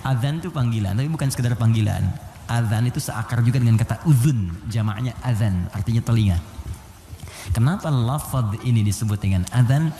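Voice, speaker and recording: A man's voice: medium pitch, fairly quick, dark tone, a little hiss or hum. A man preaching a sermon in a conversational way, full of rhetorical questions, recorded in a hall. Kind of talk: Islamic sermon to a congregation. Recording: echoey hall with long reverb.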